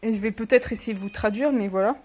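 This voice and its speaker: Talking quickly in a medium-pitched, slightly mellow voice, a young book vlogger rambles casually as she unboxes her books. She's a bit sick and slips in jokes at her own expense.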